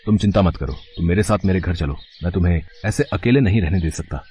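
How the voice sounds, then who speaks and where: A man's voice: low voice, quick pace, warm tone, slightly rough. A man voicing an upright young village man in a cartoon story, firm and earnest.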